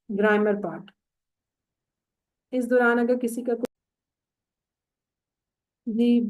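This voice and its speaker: A woman's voice: fairly high pitch, darkish tone. A woman teaching an online class, patiently explaining step by step and quizzing her students.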